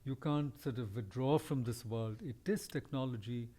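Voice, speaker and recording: Mellow-voiced man musing at length. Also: mid-range voice, moderate pace. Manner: discursive, thoughtful, pushes back gently. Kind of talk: reflective conversation.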